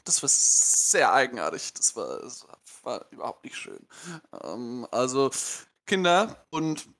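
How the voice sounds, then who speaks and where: A man's voice: medium pitch, very animated, unhurried, fairly bright tone. Rambling man telling a story dryly. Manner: rambling, full of hesitations, dry humor. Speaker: podcast host. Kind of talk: casual storytelling chat.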